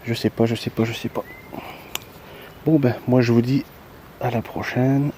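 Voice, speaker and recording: A man's voice: medium pitch, fairly even intonation, moderate pace, warm tone, a little hiss or hum, low-quality recording. A man talking casually outdoors by the water after a fishing trip, rambling with many hesitations and a resigned tone. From Belgium. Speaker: fishing vlogger.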